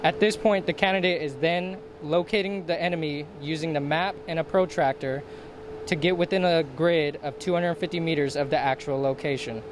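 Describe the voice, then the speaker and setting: A man's voice: fairly high pitch, moderate pace. A man giving scripted military instruction in a formal, procedural manner, enumerating each step. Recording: clear steady ambient background noise.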